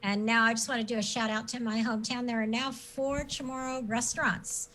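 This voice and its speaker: A woman's voice: on the high side, steady tone, a little fast, a bit bright, low-quality recording. A woman with an American accent, a guest on an interview, answering conversationally with explanatory asides and self-corrections. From Guam and San Diego, United States. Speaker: guest, sociology professor. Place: remote video call. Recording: clear background noise on video call.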